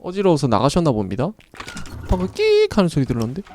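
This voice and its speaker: Teasing woman co-streamer, lively voice. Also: deep voice. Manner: quick reactions, teasing remarks. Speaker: game streamer. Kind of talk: let's play commentary.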